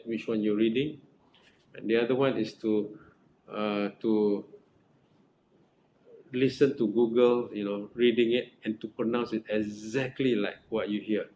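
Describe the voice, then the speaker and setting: A middle-aged academic supervisor with a Malaysian accent advises a research student, his voice lowish and darkish in tone. He's earnest and repetitive, restarting phrases and often asking "right?" The room echoes, with faint noise.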